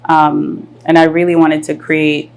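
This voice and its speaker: A woman in her thirties from France hosts a live podcast in front of an audience. Her voice sits low, and she talks in a reflective, searching way, often pausing on fillers as she thinks. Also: completely flat delivery, creaky. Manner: reflective, thoughtful, many fillers. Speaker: podcast host. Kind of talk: casual live podcast conversation. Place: live event venue with audience.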